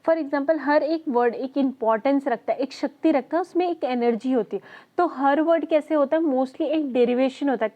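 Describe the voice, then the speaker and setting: A woman teaching an Ayurveda lesson, explaining terms in Hindi mixed with English and reading definitions slowly. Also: high voice. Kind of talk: explaining lecture. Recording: dull lo-fi audio.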